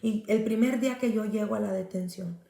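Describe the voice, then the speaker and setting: A woman's voice: medium pitch, fairly quick, creaky, warm tone. A woman pastor giving an earnest personal faith testimony, speaking directly to her listener. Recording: roomy echo.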